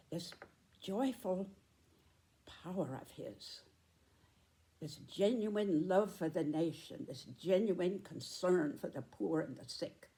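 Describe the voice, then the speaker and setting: A woman in her nineties giving a reflective spoken commentary, with deliberate, emphatic phrasing and pauses. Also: fairly low pitch, warm tone. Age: 90s.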